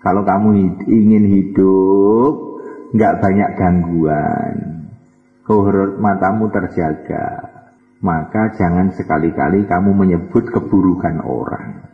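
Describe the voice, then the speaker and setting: A man giving a folksy Islamic sermon, asking his listeners rhetorical questions and chanting Arabic verse slowly. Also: low voice, faint music behind. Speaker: preacher. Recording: echoey hall, dull lo-fi sound.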